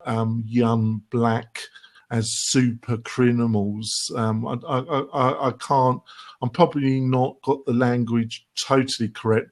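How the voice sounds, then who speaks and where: English male host, mid-pitched, sardonic and rambling, plenty of ums. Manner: sardonic, filler-heavy questioning. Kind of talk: casual panel discussion.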